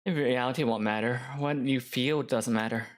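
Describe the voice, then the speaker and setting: A man's voice: medium pitch, a little fast, natural voice. A man voicing a possessive, menacing young woman who speaks with cold, controlling certainty in a game.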